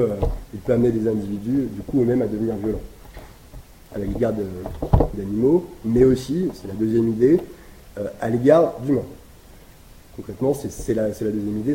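A man's voice: medium pitch, warm tone. Man giving an echoey academic talk. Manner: explanatory, thinks aloud with frequent pauses. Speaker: lecturer presenting historical research. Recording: echoey room with background noise.

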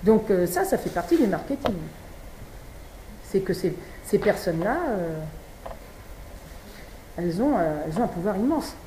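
Speaking at a vegan event, a Breton woman keeps her conference talk conversational, with many fillers and restarts. Her medium-pitched voice swings widely in pitch at a moderate pace with long pauses, recorded in an echoey room with faint noise behind her.

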